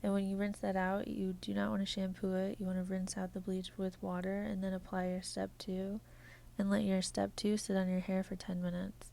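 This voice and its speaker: A woman talks through a beauty tutorial in a soft, mellow voice-over. Her tone is warm and low-key, often slipping into a breathy half whisper. Some stretches are flat and measured, others quicker and more casual. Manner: flat and measured at first, then quicker and chattier. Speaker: beauty vlogger.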